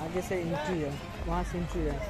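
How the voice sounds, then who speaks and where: Over loud music, a young adult travel vlogger delivers brisk, steady commentary in a fairly high voice as he walks around a busy amusement park. It's casual and repetitive, aimed at viewers and captured on a handheld device at arm's length. Crowd chatter, vehicle din and outdoor ambience surround him.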